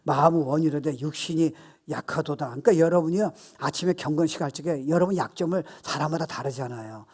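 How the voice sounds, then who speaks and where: A man in his sixties preaching a sermon as pastor, animated and playful, acting out voices and laughing at his own jokes. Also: a little high, fast talker, hardly any pauses, breathy edge.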